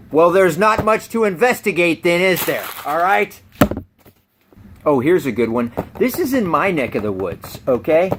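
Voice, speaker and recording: Sarcastic man with a lively high voice. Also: a little hiss or hum. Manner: sarcastic, mocking, laughs at his own jokes. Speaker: YouTube host. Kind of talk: comedic news rant.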